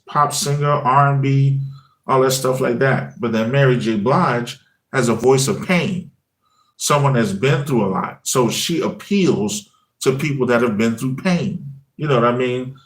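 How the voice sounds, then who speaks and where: Chatty man in his forties. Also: mid-range voice. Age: 40s. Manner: loose and chatty, full of "you know what I mean" fillers; acts out his own past words in lively quoted asides. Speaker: former high school teacher and music channel creator. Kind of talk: casual conversational storytelling.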